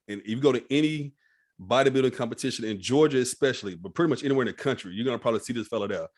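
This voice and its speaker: A man hosting a podcast interview, laid-back and casual, often tagging "all right?" and swearing freely. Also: mid-range voice. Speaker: podcast host.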